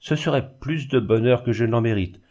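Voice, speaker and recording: A man's voice: medium pitch, moderate pace, darkish tone, close to an everyday voice. Plaintive, self-pitying, ruined male glassmaker, audiobook character, read by a man. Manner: plaintive, moaning.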